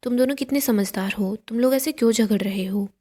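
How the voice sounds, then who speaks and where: Gentle mother begging for calm, voiced by a woman narrator, fairly high. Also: brisk, lightly acted. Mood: pleading. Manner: imploring, soothing, read out plainly. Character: pleading gentle mother, middle-aged woman.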